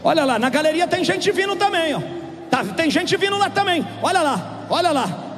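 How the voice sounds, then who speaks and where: A man preaching a revival sermon, shouting impassioned altar calls in a large church. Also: extremely high pitch, sing-song, moderate pace. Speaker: pastor. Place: large church with galleries, live congregation. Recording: live church recording with long reverb and music.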